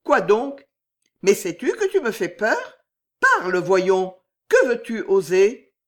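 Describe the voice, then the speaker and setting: A woman's voice: medium pitch, big pitch swings, slow pace. A woman voicing an anxious young noblewoman, emphatic and heightened in her speech.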